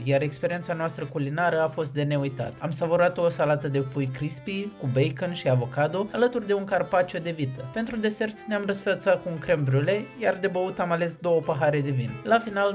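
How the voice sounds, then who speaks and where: A man in his twenties narrating a travel vlog in a lively, explanatory way, speaking to a handheld camera on a city street. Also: fairly high pitch. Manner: lively, explanatory, jokey asides. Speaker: travel vlogger.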